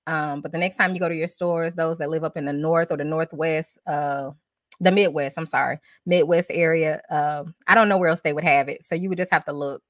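A woman's voice: low voice, steady tone, fairly quick, no room sound, clean studio sound. A woman, a home cook hosting a casual livestream over a video call, laid-back and confident. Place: indoors, home kitchen. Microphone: webcam on video call.

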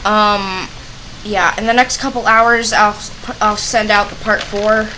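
A woman's voice: mid-range voice, fairly even intonation, takes it slowly, bright, forceful tone, slight background noise. A woman talking casually and apologetically to her viewers about an upcoming video, on a recording with a strong echo, like a big hall. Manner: apologetic, chatty. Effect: echoing recording, as in a big hall. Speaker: gaming video creator.

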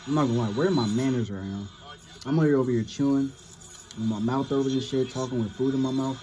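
A man's voice: mid-range voice, fast, mellow. A young man from California giving casual, profanity-heavy reaction commentary on a football game, rambling and slangy. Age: young adult. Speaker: sports reaction video host.

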